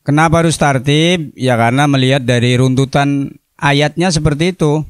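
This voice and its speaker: A man's voice: fairly high pitch, moderate pace, clean tone, no room sound. A middle-aged man, a religious teacher giving a classroom lecture on a religious text, explaining it word by word with playful asides on word meanings. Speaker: religious teacher at an Islamic boarding school.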